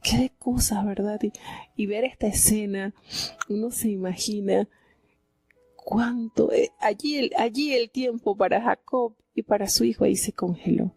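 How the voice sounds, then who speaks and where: Husky, gravelly woman preaching. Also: mid-range voice, a little slow, dark tone, dry recording. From Venezuela. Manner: reflective and heartfelt, often asking "¿verdad?". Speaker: Bible commentator. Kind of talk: devotional Bible commentary on a live program.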